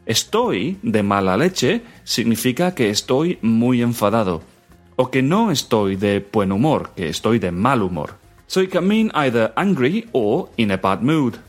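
A man from leads a scripted language lesson segment. He talks at an average pitch and repeats each phrase slowly and clearly for learners. Soft music plays faintly behind him. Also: big pitch swings. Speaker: language teacher.

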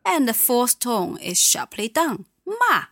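Slow, patient woman teaching Mandarin. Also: mid-range voice, fairly bright tone, no room sound, clean studio sound. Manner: patient, clear explanations. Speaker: language teacher. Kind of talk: language lesson.

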